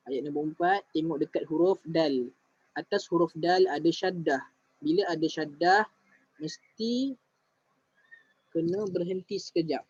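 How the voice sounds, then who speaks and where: A man with a Malaysian Malay accent teaching Quran recitation on a video call, patient and drawing out each verse slowly. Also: a little high, a little mellow, husky, no room sound, highs cut off. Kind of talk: online tajwid lesson.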